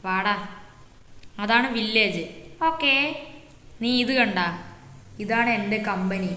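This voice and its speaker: A woman's voice: mid-range voice, takes it slowly, bright, forceful tone. A woman voicing an easygoing adult man, showing off his city in a game role-play with a boastful, teasing big-brother tone. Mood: casual. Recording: echoey roomy reverb.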